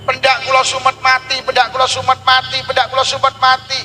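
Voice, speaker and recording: A man voicing the spirit of a little girl, speaking softly and pleadingly to her father in a preacher's story. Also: very high-pitched, monotone, fairly quick, faint music behind, exaggerated voice. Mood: plaintive. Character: little dead girl's spirit, gentle and longing.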